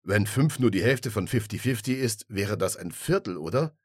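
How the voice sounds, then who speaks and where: A man's voice: lowish voice, lively intonation, normal speed, husky, no echo, studio quality. A man doing a nervous, reluctant man. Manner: hesitant, then loud and insistent. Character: nervous, reluctant grown man dodging a trip. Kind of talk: audiobook reading.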